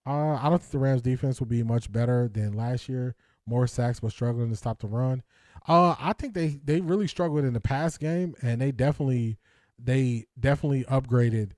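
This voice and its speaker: Here a man hosting a casual sports talk stream answers viewer comments at a moderate pace, his mid-range voice a little mellow. Audio is clean studio sound, no echo. He hesitates, restarts often, uses many fillers and laughs.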